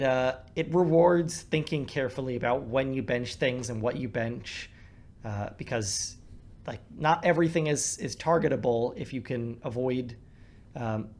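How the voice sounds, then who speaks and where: A man's voice: medium pitch, darkish tone. Man musing aloud, full of fillers. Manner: thinks aloud with many fillers and restarts. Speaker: co-host discussing a card game. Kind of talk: casual gameplay commentary.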